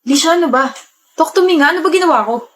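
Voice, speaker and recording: A woman's voice: high-pitched, animated, fast talker, slight background noise. A woman playing a cheating young boyfriend who pleads and defends himself in a comedic skit. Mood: defensive. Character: cheating young male boyfriend, clingy and evasive.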